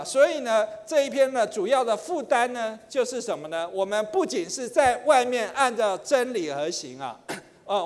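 A middle-aged man teaching in church, chatty with many fillers, slowing into chanted prayer. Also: very high-pitched. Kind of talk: sermon teaching. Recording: long hall reverb.

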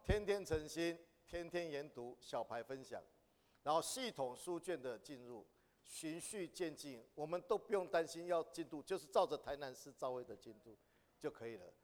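A man's voice: fairly high pitch, expressive, normal speed. Man teaching in a reverberant hall. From Taiwan. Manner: asks the audience questions, rising to emphatic exhortation. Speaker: church class teacher. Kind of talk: church training lesson.

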